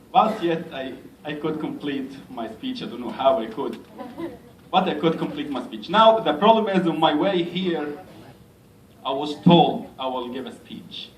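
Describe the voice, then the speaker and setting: A man from Egypt, an imam giving an unhurried, gently self-mocking speech to a community gathering in a large hall. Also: fairly high pitch, animated, a little hiss or hum. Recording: echoey hall, mic at a distance.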